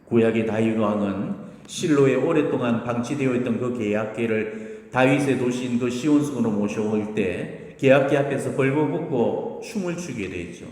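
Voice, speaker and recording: A man's voice: mid-range voice, normal speed, darkish tone. Man preaching in a reverberant church. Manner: earnest, exhortative, retells stories with acted quotes. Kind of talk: sermon. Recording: echoey church hall.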